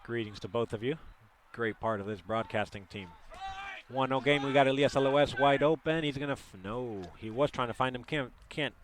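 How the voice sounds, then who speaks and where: A man's voice: medium pitch, normal speed, a little hiss or hum. A man doing live play-by-play commentary, chatty and partisan, joking with listeners as the action unfolds.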